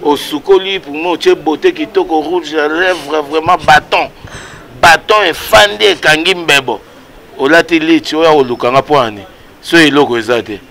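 A man's voice: fairly high pitch, moderate pace. A man in his thirties with a Congolese accent, talking animatedly as an interview guest, outdoors by a wall. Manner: animated, gestures with hands, mixes Lingala and French. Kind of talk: casual interview.

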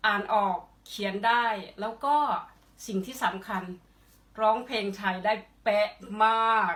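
A woman's voice: mid-range voice, fairly even intonation, a little slow, a bit bright. A woman conducting a polite, conversational interview as the interviewer. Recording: echoey room, distant from the mic.

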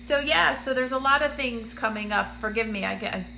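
Seated on a couch in a dim room, a medium chats casually with her live-stream viewers through a phone camera held at arm's length, calling them by name amid frequent ums. Her bright voice runs on the high side at a normal speed, sounding congested and slightly raspy over a faint background hum.

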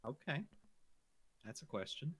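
A woman joins a casual game night stream, trading dry jokes with her friends. Her voice is very deep for a woman, yet her pitch moves about a lot. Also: animated, measured pace, slightly rough. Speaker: stream guest. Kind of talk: casual chat while gaming.

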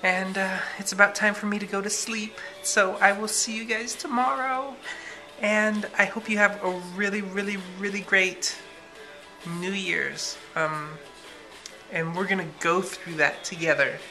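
Faint music plays behind a young woman's rough-sounding nighttime vlog as she giggles and talks casually into a camera at arm's length, moving from kitchen to living room. Her mid-range voice is bright and forceful yet steady and unhurried, with many fillers.

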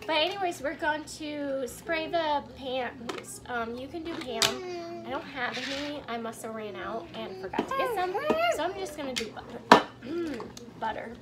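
Young woman, very high voice, informal home baking vlogger, loud kitchen noise behind her. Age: young adult. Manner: chatty, informal. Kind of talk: casual cooking demonstration. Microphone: camera a step or two away. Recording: noisy kitchen, clattering clicks.

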